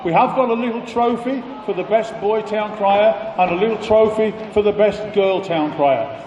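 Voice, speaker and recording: A man's voice: high voice, a little mellow, lo-fi sound, a little hiss or hum. A man hosting a live competition, addressing the public in an informal, jokey compering style. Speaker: competition host and announcer. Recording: distant, echoey PA announcement with crowd.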